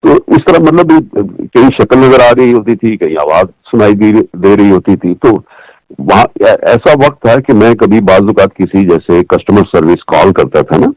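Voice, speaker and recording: A man's voice: on the low side, normal speed, no room sound, rough recording. An older man, a former newsreader from Pakistan, telling stories from his broadcasting days in an easygoing interview. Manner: relaxed storyteller, acts out remembered lines. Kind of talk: reminiscing interview talk. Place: living in the United States.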